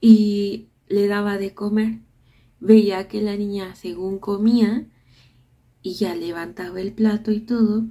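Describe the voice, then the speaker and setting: A woman, casually telling childhood memories in a soft voice that often sinks to a near whisper. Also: medium pitch, fairly even intonation, unhurried. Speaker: vlogger.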